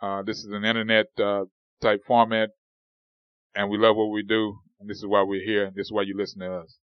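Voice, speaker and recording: Smooth-voiced man, rambling sports talk. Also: lowish voice, little pitch movement, brisk, no echo, lo-fi sound. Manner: rambling, many fillers and restarts. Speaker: podcast co-host. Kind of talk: casual sports podcast chat.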